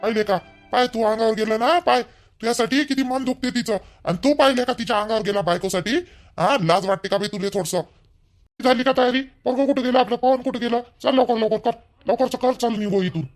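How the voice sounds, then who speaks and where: A man playing an angry young son-in-law who demands money, shouting and rough. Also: very high voice, a little fast, soft background music. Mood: scolding.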